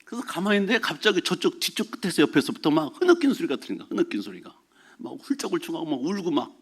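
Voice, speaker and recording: Man, pastor, sermon in a church, high voice, very lively pitch, animated storytelling. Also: very fast, husky. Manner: animated storytelling, mixes formal and casual speech, shouts acted exclamations. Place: church sanctuary.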